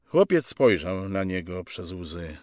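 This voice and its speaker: A man narrates a story in a grave, measured way. His voice sits low and his pace is very slow. The sound is dry and close to the mic. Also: big pitch swings, darkish tone, dry recording. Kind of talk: scripted audiobook narration.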